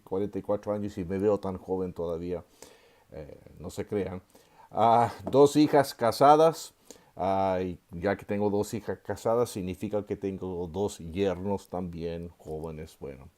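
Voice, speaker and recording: A Chilean seminary professor in his sixties delivers a recorded online course lecture in a slightly low, warm, mellow voice. He speaks unhurriedly, filling pauses with soft "eh" and "ah" sounds, restarting now and then, and tossing in occasional gentle jokes.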